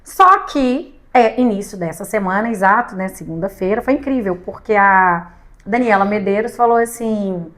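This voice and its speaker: A woman's voice: mid-range voice, normal speed, a bit bright. A woman with a Brazilian Portuguese accent, a podcast guest animatedly telling a story with laughter, acting out the lines of the people in it. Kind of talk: casual storytelling chat. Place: podcast studio.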